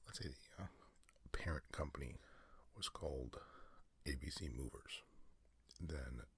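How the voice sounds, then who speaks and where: A man mumbling a rambling personal story in ASMR style, in a breathy, husky whisper with gravelly fry. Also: a bass voice, expressive, measured pace, dry recording. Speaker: storyteller recounting personal experience.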